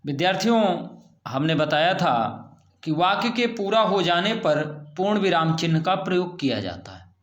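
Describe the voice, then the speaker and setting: A man with a fairly high voice teaches a recorded grammar lesson to his students. He explains patiently and goes back over the key points. His voice rings in an echoey room. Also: sing-song, moderate pace, muffled recording. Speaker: school Hindi teacher.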